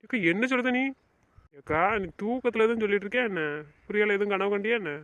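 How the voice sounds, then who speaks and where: An actor playing a stern, protective young husband and brother who gives short orders. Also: male voice, sits high, fairly bright tone, dry recording. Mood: alarmed. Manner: brisk, bossy, gives orders. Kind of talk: family web-series drama acting.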